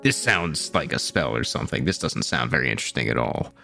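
A man's voice: a bass voice, very animated, brisk, creaky, sharp tone, soft background music. A man chatting casually and narrating during a tabletop role-playing game.

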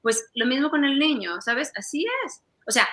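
Bright-voiced Mexican woman musing on parenting. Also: high voice, moderate pace. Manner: reflective, often adds "¿sabes?". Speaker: parent sharing advice. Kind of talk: casual conversation.

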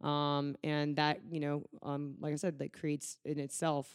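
A man's voice: fairly high pitch, monotone, measured pace, clean tone, no echo. Chatty man with a dry close sound. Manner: rambling, joking asides. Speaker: podcast co-host. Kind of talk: casual chat.

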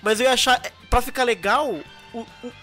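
A young man with a Brazilian accent chats casually on a podcast. He speaks rapidly in a fairly high voice, with plenty of slang and enthusiasm, over faint music. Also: steady tone, sharp tone. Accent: Brazilian Portuguese. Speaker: podcast co-host. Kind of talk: casual chat.

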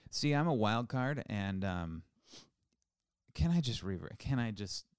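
A man's voice: lowish voice, big pitch swings, measured pace, darkish tone, clear, resonant tone, no echo, studio quality. A man in his forties co-hosting a podcast, chatting casually with playful teasing and rambling restarts. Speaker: podcast co-host. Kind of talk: casual chat.

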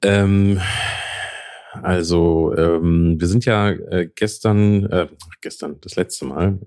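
A man's voice: deep voice, steady tone, takes it slowly, warm tone. A man with a German accent co-hosting a podcast in casual chat, hesitant, with many fillers and restarts. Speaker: podcast co-host.

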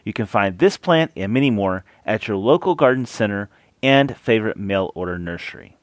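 A man's voice: fairly low pitch, lively intonation, moderate pace. A man with a Tennessee accent reading a scripted introduction as a podcast host.

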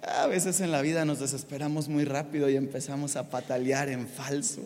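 A man preaching a sermon, telling a personal story in an animated way and putting questions to the congregation. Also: medium pitch, normal speed, long reverb tail. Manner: animated, addresses the audience with questions.

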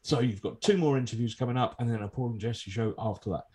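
Friendly laddish British bloke, mellow podcast host. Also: male voice, medium pitch, fast. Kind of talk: casual podcast chat.

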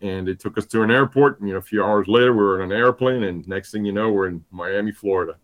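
A Cuban-born man in his fifties, a guest on an interview show. His voice sits very low, and he tells his story casually, wandering along with lots of "uh" and "kinda". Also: quick pace. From Cuba. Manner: relaxed, rambling storyteller with many fillers. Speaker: guest, gravel event organizer.

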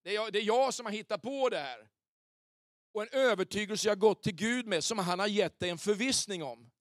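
A male pastor preaching an animated sermon in a church, often checking if the congregation is with him. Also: high voice, dry recording, clean studio sound. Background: soft keyboard pads.

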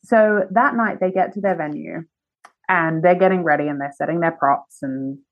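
A woman's voice: lowish voice, normal speed, lo-fi sound. A woman guest on a podcast telling a gossipy story, quoting the people in it and laughing as she goes. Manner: animated gossipy storyteller who quotes people. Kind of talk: casual storytelling chat.

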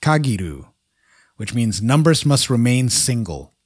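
A man co-hosts a casual podcast in a plain, mid-pitched voice. He chuckles at his own jokes and stumbles through foreign words. The recording is close and dry, with no room sound. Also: sing-song, measured pace, husky, no echo. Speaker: podcast co-host.

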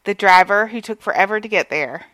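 Woman chatting, bright sharp voice, dry close sound, tells the story along with her friend. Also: medium pitch, brisk, dry recording, low-quality recording. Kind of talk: casual chat.

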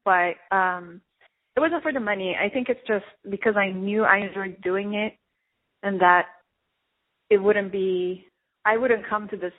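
A woman from Turkey talks through her answers in a reflective, unhurried interview voice, pausing on fillers and laughing lightly between thoughts. Her pitch sits mid-range for a woman. The sound is squeezed and narrow, much like a phone line. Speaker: artist and guest.

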